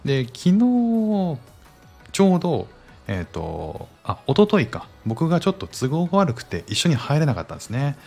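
A man in his thirties from Japan, hosting a solo podcast and telling stories in a relaxed, rambling way with many fillers. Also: a little high, moderate pace, gravelly, husky, soft background music. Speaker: podcast host and father. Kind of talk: casual solo podcast chat.

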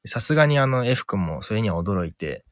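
A man with a fairly low voice tells a made-up ghost story with slow, suspenseful pacing, dramatic pauses and frequent hesitation fillers. The recording is dry and close, with no room sound around him. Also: big pitch swings, no echo. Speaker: podcast co-host. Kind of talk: telling an invented ghost story, then casual chat.

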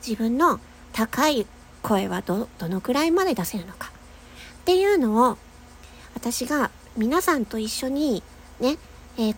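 A nasal woman in her young adult years with a slightly high voice talks through a casual voice lesson. She chats easily, laughs often and demonstrates long held notes. Faint noise sits under her. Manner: chatty, laughs often, demonstrates sustained tones. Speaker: voice-training podcaster.

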